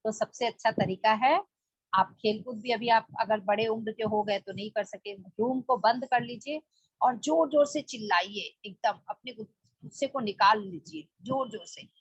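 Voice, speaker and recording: A woman's voice: on the high side, moderate pace, husky, no echo. A woman leading a spoken book study, explaining plainly with rhetorical questions. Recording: dull lo-fi dry recording.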